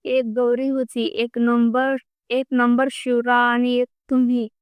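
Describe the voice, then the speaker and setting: A woman's voice: a little high, monotone, unhurried, clean tone, no echo, lo-fi sound, lightly acted. A woman voicing a stern, irritable young man who scolds bluntly in a storybook reading.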